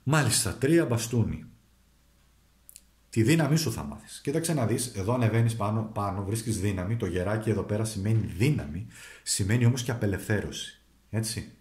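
A man reads tarot cards for his viewers in a relaxed, chatty way, with a lively pitch that swoops up and down. He keeps turning to the audience with coaxing asides. His voice rings in an echoey room. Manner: animated, addresses viewers directly with coaxing asides. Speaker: tarot reader. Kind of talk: casual tarot card reading to viewers.

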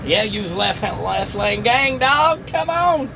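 A man driving an RV for a friend, bantering in a loud, profane, joking way. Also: sits high, expressive, slow pace, gravelly. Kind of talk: casual banter. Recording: noisy outdoor audio.

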